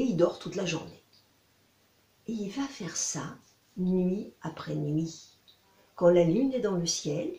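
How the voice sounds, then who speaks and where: A woman storyteller telling a children's tale in a library, playful and dramatic, with drawn-out words and pauses. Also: medium pitch, darkish tone. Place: public library. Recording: echoey room.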